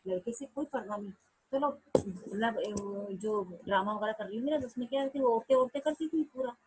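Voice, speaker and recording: Husky-voiced woman teacher explaining a story. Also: fairly high pitch, rough recording. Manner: reads a line aloud, then retells it in simpler words. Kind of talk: reading and explaining a textbook chapter.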